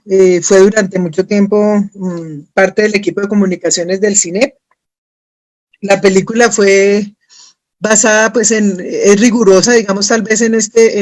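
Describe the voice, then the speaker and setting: A woman's voice: medium pitch, level tone, unhurried, a little mellow. A woman speaking as a guest in a public talk, reflective and hesitant as she leads a discussion.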